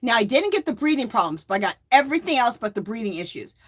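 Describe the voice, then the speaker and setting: A woman's voice: on the high side, sing-song, fast, husky. A woman hosting a yarn crafting livestream, chatting casually with viewers, reading their comments aloud and laughing often, stressing her points with "okay?" and "Hello?". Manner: emphatic, tags lines with "okay?" and "Hello?". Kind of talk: casual chat with live viewers.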